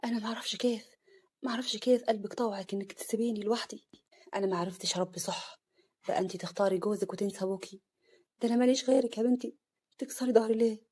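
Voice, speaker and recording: A woman voicing a grieving elderly father in a village story, speaking in a broken, pleading way, with a husky voice. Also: low voice, steady tone, rapid-fire, darkish tone. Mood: tearful pleading.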